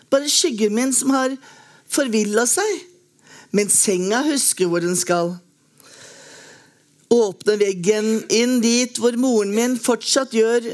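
A woman reading a lyric poem aloud in a slow, measured, lyrical way with long pauses. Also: fairly high pitch, darkish tone. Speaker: poetry reader.

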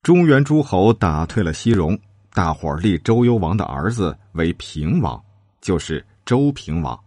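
A man telling a traditional tale with lively, dramatic delivery. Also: unhurried, no echo, studio quality. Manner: lively, dramatic, shifting pitch for characters. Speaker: storyteller. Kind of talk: storytelling narration with acted character lines.

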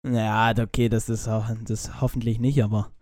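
A man's voice: lowish voice, level tone, moderate pace, a little mellow. A man co-hosting a casual podcast, reading out news and chatting, with frequent stumbles and restarts. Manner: chatty, jumps between topics, stumbles and restarts. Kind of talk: casual chat.

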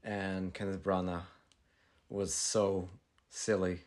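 A man's voice: deep voice, flat delivery, takes it slowly, darkish tone. A man co-hosting a podcast, giving a playful, enthusiastic movie review in casual chat. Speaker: podcast co-host.

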